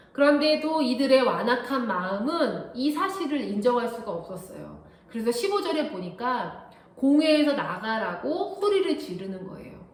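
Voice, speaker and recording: Woman youth pastor, high bright voice, sermon for teens, roomy church echo. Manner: explains Bible text simply for teens, lively storytelling.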